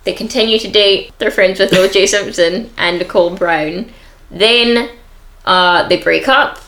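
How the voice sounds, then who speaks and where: A woman's voice: medium pitch, unhurried, a bit bright, roomy sound, a little hiss or hum. A woman co-hosting a podcast, chatting casually and laughing often as she recaps a reality show. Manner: laughs often, acts out quotes. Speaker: podcast co-host.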